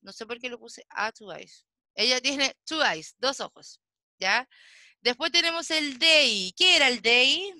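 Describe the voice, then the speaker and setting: Patient woman English teacher with a higher, crisp voice and a slow, checking delivery. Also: animated, sharp tone, no room sound. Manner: slow, patient explaining with frequent checking questions. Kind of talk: online class lesson.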